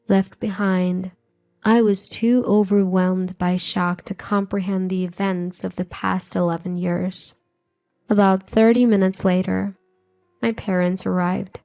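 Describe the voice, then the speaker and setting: A middle-aged woman telling a scripted first-person story in a calm, measured, somber way. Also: medium pitch.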